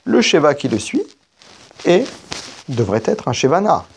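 A man's voice: on the high side, very animated, a little slow, slight background noise. A man giving a spoken grammar lesson, explaining each rule step by step and stopping now and then to correct himself. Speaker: teacher of biblical Hebrew grammar.

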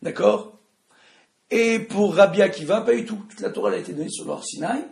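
A man with a Tunisian French accent teaching a religious study class to an audience in a room. He speaks loudly and with emphasis, and often asks his listeners questions. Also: high-pitched, lively intonation, a little fast, creaky. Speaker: Torah teacher. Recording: echoey room.

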